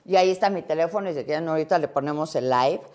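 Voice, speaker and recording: A woman telling a story in an interview, lively and acting out the dialogue. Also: deep voice, rapid-fire. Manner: lively, acts out quoted dialogue.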